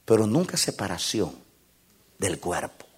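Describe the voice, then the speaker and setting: A man preaching a sermon in an animated, emphatic way, with playful moments where he acts out little scenes. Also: lowish voice, measured pace, slightly rough.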